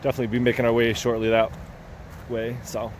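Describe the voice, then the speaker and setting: A man of middle pitch, chatting casually to the camera he holds as he walks a woodland trail by a lake. He talks in an easygoing, rambling way and repeats the openings of his phrases. Faint hiss and distant highway traffic sit under the outdoor recording. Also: monotone, fast. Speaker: hiking vlogger. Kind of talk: casual walking commentary to camera. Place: outdoors on a wooded lakeside trail. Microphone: handheld camera or phone held by the walker.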